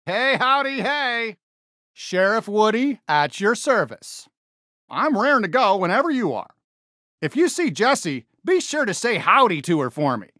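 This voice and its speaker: A man voicing a friendly toy cowboy sheriff for a video game, with an American accent and a folksy, eager, expressive drawl. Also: high-pitched, measured pace, no echo, clean studio sound, exaggerated voice. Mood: excited, hearty. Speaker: video game character greeting players. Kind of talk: animated game voice lines.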